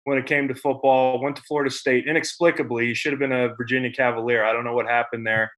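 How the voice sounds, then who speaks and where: A man in his thirties hosts a podcast interview. He talks in a loose, conversational way with plenty of fillers and sounds openly admiring. His voice sits at an ordinary middle pitch. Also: little pitch movement, quick pace, a bit bright. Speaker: podcast host. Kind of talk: casual interview chat.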